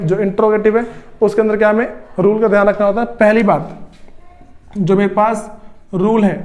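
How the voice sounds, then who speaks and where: In this grammar lesson, a man whose first language is Hindi teaches English with a high, somewhat mellow voice. His pace is slow, each rule gets repeated, and throat-clearing punctuates the transitions between steps.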